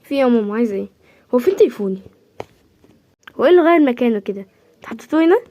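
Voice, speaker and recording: Egyptian girl voice up high, doing all the parts in her own little series, quick voice switches. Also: highs cut off. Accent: Egyptian Arabic. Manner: quick, lively switching between characters' voices. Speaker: creator playing every part in a homemade series. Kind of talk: homemade role-play drama.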